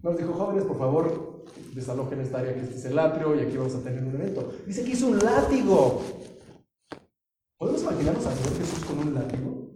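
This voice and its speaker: A man preaching a sermon as a pastor, animated, with sudden loud emphasis. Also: a little high, brisk, recorded from a distance. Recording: very echoey hall, heard from afar with clear noise.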